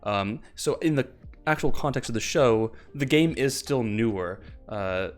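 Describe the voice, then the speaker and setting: A man in a casual podcast chat who explains at length, often correcting himself mid-sentence. His voice sits at a middle pitch. Faint music plays in the background. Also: animated, a little slow. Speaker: podcast co-host.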